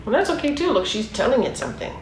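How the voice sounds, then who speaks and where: Racing along with wildly swooping pitch, a woman with a slightly high voice reads a picture book to young children. She encourages them with chatty asides and questions. Expect a roomy echo and clear background noise.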